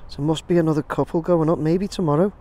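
Outdoors near a construction site, a man with an English accent narrates his drone footage in a rambling, chatty vlog, calling his viewers "guys." His voice is a little high and warm, with a steady tone and a fast pace.

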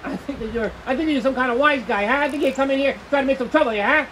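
A man doing a wise-guy forest bully, high and gruff. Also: racing, fairly bright tone, slight background noise, poor audio. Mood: menacing. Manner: gruff wise-guy taunting, tags everything with huh. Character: belligerent male forest predator, tough-guy bully. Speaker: comedy podcast host. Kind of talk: improvised comedy sketch.

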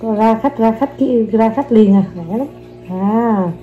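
A woman's voice: on the high side, a little slow, narrow, tinny audio, soft background music. A young mother, filming her kids and coaxing them, talking to viewers in a casual, playful way. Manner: coaxing, playful, repeats short commands to children.

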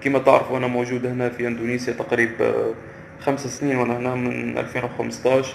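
A man's voice: mid-range voice, little pitch movement, vocal fry, a little hiss or hum. A man, talking casually to camera in a vlog and often stopping mid-phrase to search for a word. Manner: halting, often stops to search for words. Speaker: vlogger. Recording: roomy echo with faint ambience.

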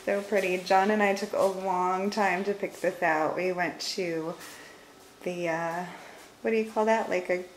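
A woman's voice: fairly low pitch, steady tone, measured pace, poor audio. Woman, 30s, chatty, upbeat, filler words, home tour vlog, handheld camera, faint room noise. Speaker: home vlogger. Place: large house with open living room and kitchen. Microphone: handheld camera, filming herself off screen.

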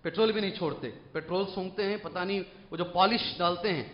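A male Islamic scholar gives an emphatic Quran commentary lecture, often putting questions to the audience. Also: high-pitched. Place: large mosque hall. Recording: long mosque reverb, dull lo-fi.

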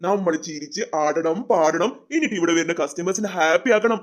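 A performer voicing a poor, gentle old man who works in a Santa costume and speaks softly and tenderly. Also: medium pitch, a little fast, voice pushed down, close to an everyday voice. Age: older.

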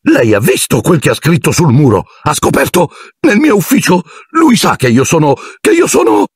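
A hysterical old caretaker wails and screeches in a thin, strained voice pitched far above normal. The voice is husky and dry, with wild leaps in pitch. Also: male voice, sing-song, normal speed, no echo. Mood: shrill accusing. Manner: shrill, wailing, sobbing.

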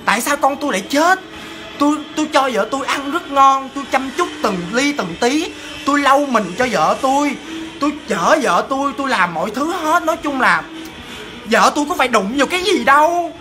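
A woman's voice: sits high, expressive, moderate pace, music in the background, voice pushed up. A woman voicing a grieving young father who insists he did everything for his wife, pleading and indignant.

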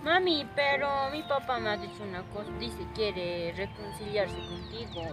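An actress playing a young daughter who recounts being shouted at and beaten, in plain rural Spanish. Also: female voice, medium pitch, moderate pace, close to an everyday voice. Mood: upset. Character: young daughter telling of a beating. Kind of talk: amateur drama acting. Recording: music bed behind.

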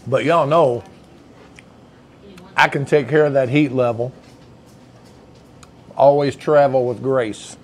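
A man's voice: mid-range voice, fairly even intonation, takes it slowly, long pauses. A man, chatting casually as he reviews food in a deli, folksy and savoring each bite. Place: indoor deli dining room.

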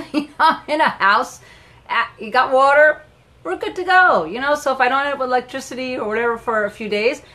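A woman's voice: high voice, moderate pace. Chatty middle-aged woman hosting a live stream. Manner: animated, chatty, greets viewers and laughs often. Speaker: live-stream host and wellness coach. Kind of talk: casual live-stream talk to viewers. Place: at home in Florida.

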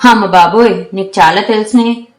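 A woman's voice: mid-range voice, moderate pace, echoey room, soft background music, natural voice. A woman voicing a talkative, bold young woman college student who teases her new roommate. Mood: teasing. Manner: teasing, chatty.

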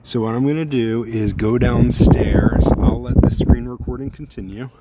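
A man casually narrating his robot mower test as a home video creator, thinking out loud and explaining what he sees on screen. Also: mid-range voice, steady tone, moderate pace, heavy background noise. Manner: thinking aloud, conversational, explanatory. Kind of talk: casual tech vlog narration. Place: indoors, at home near a computer, at times outside.

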